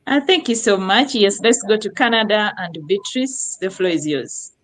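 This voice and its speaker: A middle-aged woman from Uganda hosting a live online talk show, lively and effusive, repeating words for emphasis. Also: medium pitch, normal speed, low-quality recording. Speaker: host.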